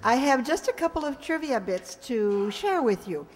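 An older woman with a high voice and wide pitch swings speaks at a moderate pace, chatting and posing questions as she introduces a community radio-play show from a stage in a community hall. She talks into a close microphone on a stand, and the hall's echo comes through along with slight background noise.

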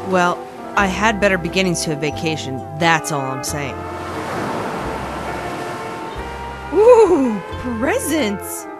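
A woman's voice: lowish voice, very animated, unhurried, over music. A woman playing a sarcastic stranded castaway who talks to her volleyball companion. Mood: sardonic.

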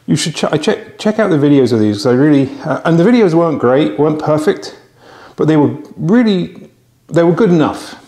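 A middle-aged man hosts a magic auction, chatting casually to camera from a home bar room on a lapel mic in a promotional vein. His voice is a little high and dark-toned, brisk with lively intonation, in an echoey room, and he hesitates often, full of restarts and fillers.

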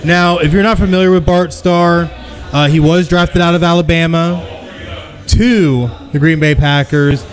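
Hosting a live sports talk podcast from a taproom, a man in his thirties keeps things casual, upbeat and jokey while promoting the venue. His slightly high voice has fairly even intonation and a slightly slow pace, picked up by a stand mic with a pop filter over faint background music.

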